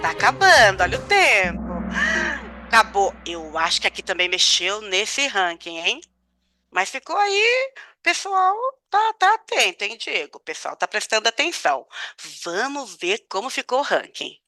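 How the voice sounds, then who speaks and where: A woman with a Brazilian Portuguese accent hosting a live online quiz over a video call, excitable and playfully dramatic as she builds suspense. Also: mid-range voice, moderate pace, dry recording, studio quality, soft background music. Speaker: quiz host.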